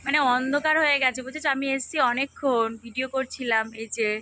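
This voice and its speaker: A young woman with a hoarse voice, chatting casually to viewers in a home vlog and often asking if they follow. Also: high voice, steady tone, fast talker, sharp tone, faint music behind. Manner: chatty, keeps asking "okay?". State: hoarse, sore throat. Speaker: vlogger.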